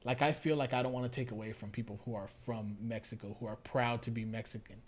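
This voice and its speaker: An American podcast co-host talks fast in a mid-range voice with fairly even intonation, casually and earnestly explaining his views in a conversational discussion.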